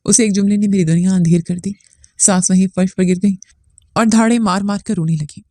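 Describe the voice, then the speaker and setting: A woman narrating a first-person family drama story in a steady, somber manner. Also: medium pitch, fairly quick, no echo.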